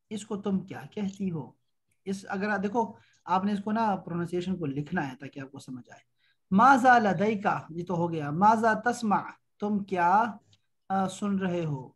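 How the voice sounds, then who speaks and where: A man teaching an online language lesson. He patiently drills each phrase slowly and repeats it, then explains it quickly and corrects the student. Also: high voice, husky. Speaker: Arabic teacher.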